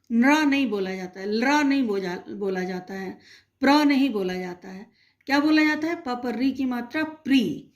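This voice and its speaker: A woman teacher slowly and patiently explaining a Hindi phonics lesson to young children, asking them questions as she goes. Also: high-pitched. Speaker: primary school teacher.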